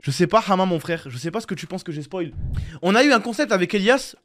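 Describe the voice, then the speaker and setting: Slangy, high-voiced French streamer chatting. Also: male voice, animated, fast talker, fairly bright tone. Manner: slangy, rambling, talks to chat. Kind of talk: casual live-stream chat.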